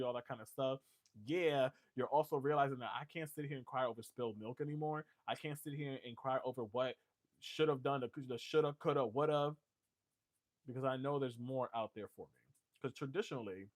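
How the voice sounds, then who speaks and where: A man giving a casual tarot reading in a loose, joking way, swearing and laughing often. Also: mid-range voice. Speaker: tarot reader.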